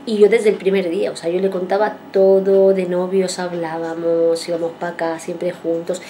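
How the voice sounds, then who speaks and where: A woman's voice: lowish voice, flat delivery, moderate pace, warm tone, a little hiss or hum. A woman in her forties, a vlogger telling a long story to her viewers in a rambling way, repeating herself and acting out what people said. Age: 40s. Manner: rambling, repeats herself and acts out quoted speech.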